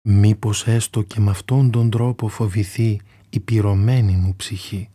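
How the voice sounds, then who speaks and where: A man's voice: on the low side, steady tone, mellow, dry recording, studio quality, close to an everyday voice. A man reading as an old repentant monk. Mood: pleading. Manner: pleading, earnest.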